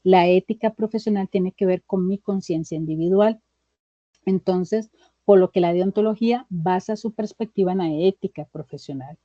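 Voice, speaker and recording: A woman tutor lectures in a calm, mellow tone, walking through ideas step by step and pausing to ask her students if all is clear. Her voice sits dark and soft. The sound is dry and a little dull, like lo-fi call audio. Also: on the low side, no echo. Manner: explains step by step, checks in with students.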